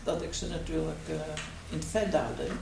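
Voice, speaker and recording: An elderly woman reminisces casually. Her voice is creaky and sits far from the microphone in a very echoey room, on a noisy old tape. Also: low-pitched, normal speed. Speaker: interviewee recalling wartime memories. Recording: distant, very echoey, hissy home tape.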